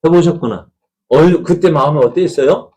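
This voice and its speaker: A man's voice: fairly high pitch, moderate pace, dark tone, rough recording. A middle-aged man, a pastor, preaching a conversational Sunday sermon in a church, asking the congregation questions and acting out family quarrels. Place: church sanctuary.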